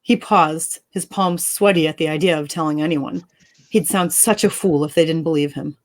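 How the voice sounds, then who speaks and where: A woman author reading her own story aloud and then chatting with her co-host, expressive and upbeat and quick to laugh. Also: low-pitched. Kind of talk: dramatic story reading and casual chat.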